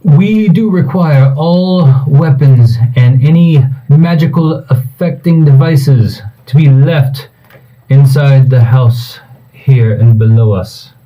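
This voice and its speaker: A man, the game master, voicing a stern male city gatekeeper who lays down the laws slowly and firmly. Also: medium pitch, dark tone, lightly acted, low-quality recording.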